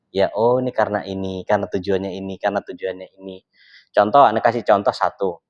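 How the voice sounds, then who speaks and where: Guy teaching religion casually, keeps asking "what?" then answering, kinda dull lo-fi audio. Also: medium pitch. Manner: asks rhetorical questions and answers them himself. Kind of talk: casual explanatory talk. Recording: slightly dull lo-fi sound.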